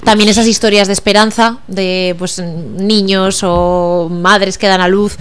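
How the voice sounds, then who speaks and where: A woman's voice: medium pitch, steady tone, unhurried, clear, resonant tone. A woman interviewing a guest on the radio, asking attentive, sympathetic questions.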